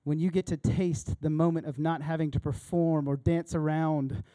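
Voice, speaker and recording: Impassioned preacher with a mellow voice. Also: male voice, fairly high pitch, little pitch movement, normal speed, no echo. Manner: emphatic, impassioned, often loud. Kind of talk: sermon.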